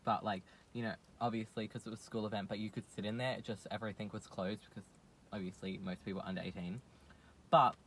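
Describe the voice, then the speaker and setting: A man's voice: medium pitch, a bit bright, slight background noise. A young man, casually chatting and rambling through a story, full of fillers. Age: young adult. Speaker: vlogger. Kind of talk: casual chat.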